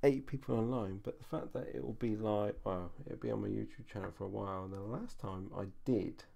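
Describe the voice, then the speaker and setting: Low, gravelly man streaming a build. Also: a little fast, warm tone. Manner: chatty, answers viewer questions as he works. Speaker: live-streamer building a racing drone. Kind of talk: casual live-stream tutorial.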